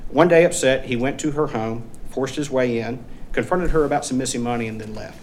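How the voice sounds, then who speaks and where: A man's voice: mid-range voice, darkish tone. Formal male lawyer, noisy courtroom recording. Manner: deferential, measured, formal. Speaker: defense appellate lawyer. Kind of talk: formal oral argument.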